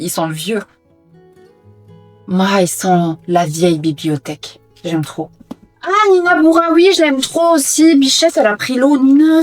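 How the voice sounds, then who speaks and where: A young woman chatting casually to her viewers while she sorts books in her room at home, joking about herself as she goes. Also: mid-range voice. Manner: chatty, self-mocking, talks to viewers while sorting books. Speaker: booktuber tidying her reading room. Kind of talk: casual vlog chat while tidying.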